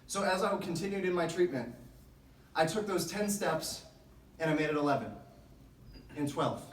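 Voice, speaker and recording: A man giving a motivational speech to a sports team, telling his story in an earnest, deliberate way with emphatic phrases. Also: a little high, animated. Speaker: motivational speaker. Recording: echoey room, distant microphone.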